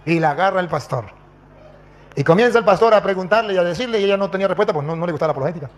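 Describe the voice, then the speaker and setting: Middle-aged priest who preaches animatedly and acts out stories; high-pitched male voice. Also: very fast. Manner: animated, quotes scripture and acts out dialogue.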